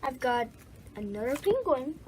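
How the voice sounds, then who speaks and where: A woman's voice: sits high, very animated, measured pace, a little mellow, a little hiss or hum. A woman narrating her bath toy play for kids in a playful, casual way, making little bloop and quack sounds. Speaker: toy video host.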